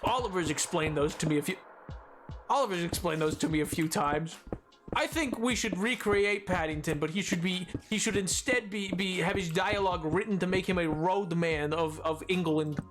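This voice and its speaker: A man streaming a game, chatting casually in an excitable, rambling way and laughing often. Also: high-pitched, normal speed, music in the background. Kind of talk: casual gameplay commentary.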